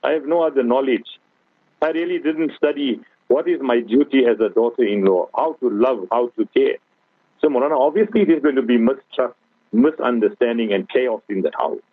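Through a tinny, phone-like radio broadcast comes a man with a South African accent, a guest scholar earnestly talking about religion and often addressing the host. He has a mid-range voice with a breathy edge at a moderate pace, and the recording is dry.

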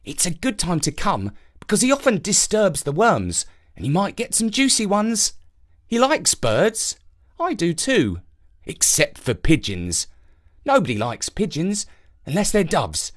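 A man's voice: sits high, big pitch swings, a little slow, voice pushed up, exaggerated voice. A man voicing a curious, eager young boy who chatters on. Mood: chatty.

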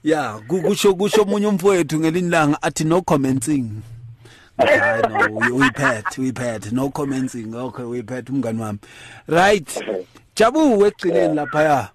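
Casting: South African male radio host, casual, higher-pitched, very animated delivery, code-switches mid-sentence. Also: brisk, a crowd in the background. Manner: mixes English with a Nguni language. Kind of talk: casual talk show hosting.

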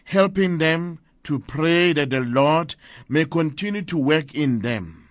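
A man's voice: fairly high pitch, lively intonation, takes it slowly, no echo, studio quality. A man speaking as a priest at Mass, reciting liturgical prayers in a solemn, formal way.

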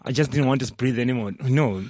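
A man from Zimbabwe, a guest comedian chatting on a studio show. He talks haltingly, repeating words, and sometimes drifts off the mic. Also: mid-range voice, darkish tone, no room sound. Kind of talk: casual chat. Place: radio studio.

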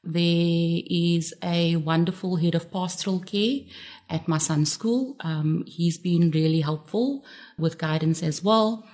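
A woman's voice: on the low side, slow pace, a little mellow. A middle-aged woman speaking candidly as a guest in a radio interview.

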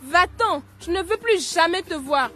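A woman's voice: extremely high pitch, expressive, unhurried, sharp tone, heavily acted. An actress playing a fiery, wounded teenage girl in a radio drama. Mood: angry, hurt.

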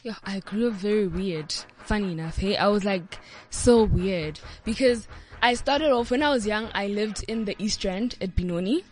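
A woman's voice: mid-range voice, moderate pace. A young woman from Johannesburg with a South African accent, answering interview questions in a radio studio, bubbly and full of fillers. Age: young adult. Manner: bubbly, many "yes" and "like" fillers. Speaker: studio guest, student and model.

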